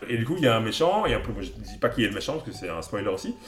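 Guy from belgium rambling excitedly about music and movies, roomy sound. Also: on the low side, racing. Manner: enthusiastic, rambling, with many fillers and restarts. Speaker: podcast co-host. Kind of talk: casual chat recommending music and films.

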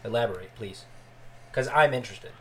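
A man's voice: mid-range voice, fairly quick, a little hiss or hum. A man who is a guest on a casual podcast, asking curious questions and joking. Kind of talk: casual chat.

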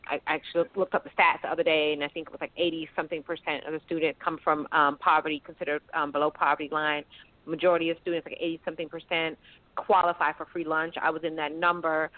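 A deep-voiced woman, recorded with no room sound on a tinny phone line, appears as a guest in a call-in radio interview. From the United Kingdom but raised in Florida, this educator and writer speaks earnestly and outspokenly and keeps restarting her sentences.

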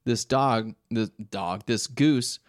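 A man's voice: medium pitch, takes it slowly, no echo, studio quality. A young man chatting casually as a podcast host, retelling a funny moment with frequent laughter and lots of "like" and "dude". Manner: laughing storyteller, says "like" and "dude" a lot. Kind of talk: casual chat.

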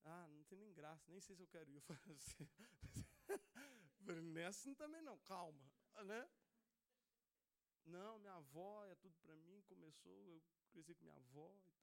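A young man from Brazil, giving a sermon testimony in a church. His voice sits high and he talks fast. He tells the story casually, full of everyday slang. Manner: casual storytelling, says "velho" and "cara" often. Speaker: preacher.

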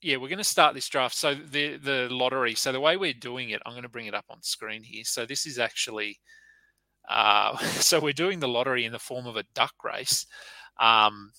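Man, podcast host, casual chat, very bright tense tone, dry close sound. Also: mid-range voice, moderate pace, vocal fry, no echo, low-quality recording. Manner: chatty, loose, with many fillers and restarts.

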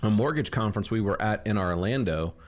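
A man's voice: lowish voice, lively intonation, a little fast. A man hosting a podcast from his kitchen, chatting and telling stories in a rambling way. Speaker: podcast host. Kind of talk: casual chat. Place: home kitchen.

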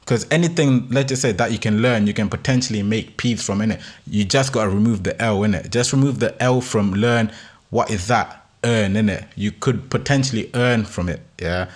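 Young London roadman, lowish voice. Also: moderate pace. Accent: London, urban roadman slang style. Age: 20s. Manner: street-slang talk with constant "innit" tags. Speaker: podcast host. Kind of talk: casual motivational monologue to listeners.

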